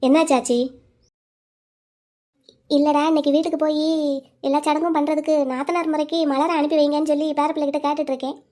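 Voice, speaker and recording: Cartoon matriarch, elderly and stern, nags fast and pushes her will; a woman voices her. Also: high-pitched, flat delivery, darkish tone, pitched below the performer's own voice, close to an everyday voice. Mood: scolding. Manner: insistent, scolding. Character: stern old grandmother, pushy matriarch. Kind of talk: cartoon storytelling.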